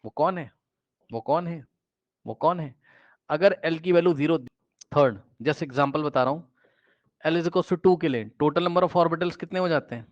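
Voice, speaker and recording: Male chemistry tutor, higher-pitched, drills students with repeated questions, dry lo-fi recording. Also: measured pace, long pauses, dry recording. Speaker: chemistry teacher. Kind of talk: exam-prep lecture.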